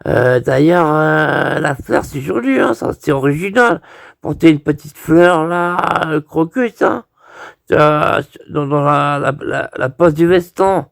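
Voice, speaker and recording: Gravelly man rambling a crude comic story. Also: fairly high pitch, lively intonation, slow, dry recording, clean studio sound. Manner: rambling, hesitant, full of restarts and fillers. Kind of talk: improvised crude comic monologue.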